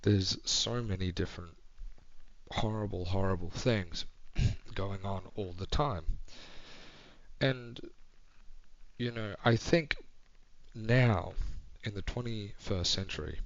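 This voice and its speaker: A young man rambling alone late at night, speaking in a hushed, near-whispered voice and thinking aloud with pauses and restarts. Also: lowish voice, lo-fi sound. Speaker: vlogger. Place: home at night.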